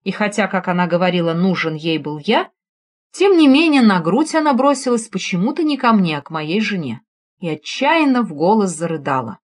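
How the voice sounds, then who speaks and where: Expressive woman reading a detective audiobook. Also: lowish voice, moderate pace. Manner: expressive, dramatic storytelling. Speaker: audiobook reader. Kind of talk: first-person scripted narration.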